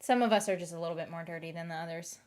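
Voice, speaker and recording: This live streamer's voice sits on the low side and is a little mellow, and she talks in rapid-fire fashion. Her light Southern accent colors a rambling, giggly chat with viewers in which she keeps restarting and thinking aloud too much.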